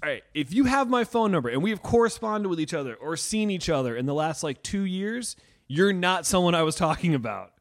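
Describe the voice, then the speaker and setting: A man with a voice sitting a bit high for a guy hosts a podcast in loose, casual banter. He rambles and restarts, stacking fillers and absurd crude jokes as he talks. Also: animated, a little fast. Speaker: podcast host.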